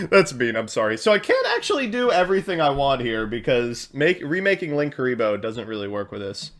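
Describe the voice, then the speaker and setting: A man talks casually through a card game on a live stream, reacting loudly to draws and reading chat aloud. His voice sits at an ordinary male pitch, and he laughs easily at his own jokes. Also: sing-song, brisk, few pauses.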